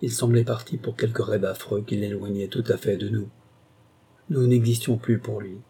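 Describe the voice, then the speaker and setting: A man narrating a novel as an audiobook in a steady, measured storytelling voice. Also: fairly low pitch, creaky, husky. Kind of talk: audiobook reading.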